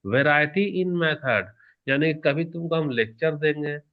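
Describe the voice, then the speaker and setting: Animated male teacher, lo-fi sound. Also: a little high, slow pace. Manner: animated, varies loudness and pace, asks questions and answers them himself. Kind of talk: online exam-prep lecture.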